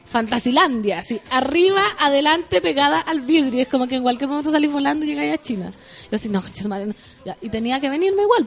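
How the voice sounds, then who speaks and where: A woman with a Chilean accent hosting a radio show, chatting loudly and playfully in slang and reading out listener messages. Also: sits high. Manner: loud, playful, slangy, bursts into song.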